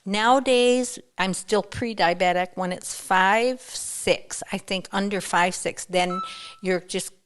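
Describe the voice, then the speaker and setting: An older woman as a podcast guest, talking casually in a halting way, often trailing off and restarting. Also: mid-range voice, fairly even intonation, clear, resonant tone. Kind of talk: casual interview chat.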